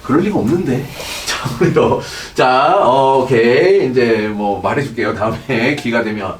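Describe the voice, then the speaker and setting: A man's voice: mid-range voice, measured pace, a little hiss or hum. A middle-aged man teaching a chemistry class, lecturing animatedly and checking in with his students constantly. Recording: echoey room, distant mic.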